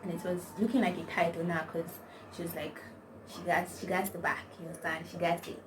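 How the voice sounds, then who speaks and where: A young Nigerian-accented woman speaks fairly quickly with a flat delivery and a voice on the low side. She's a vlogger chatting casually to camera, rambling through slangy stories and saying "like" constantly. The mic is far off, and the background is noisy.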